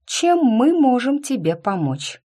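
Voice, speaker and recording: A woman's voice: fairly high pitch, sing-song, measured pace, voice pushed up. A woman reading an audiobook and voicing a sarcastic young female battle mage, drawing out her mocking lines.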